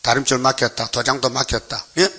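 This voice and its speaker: Bright-voiced man preaching a sermon. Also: mid-range voice, flat delivery, a little fast. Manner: preaching with rhetorical questions to the congregation; acts out biblical voices in dialogue. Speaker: pastor. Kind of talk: dawn worship sermon.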